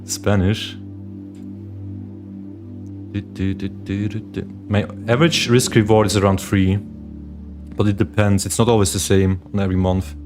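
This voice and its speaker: This young Swiss livestream host, a day trader, chats casually with viewers and reads their chat questions aloud, with meditation music behind his voice. His pitch is fairly low and shows little movement. He keeps a moderate pace and pauses often.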